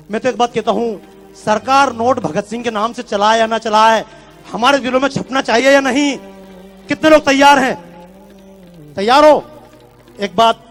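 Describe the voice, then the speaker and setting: A man giving a fiery speech from a stage to a live audience, firing rhetorical questions at the crowd. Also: very high voice. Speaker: public speaker.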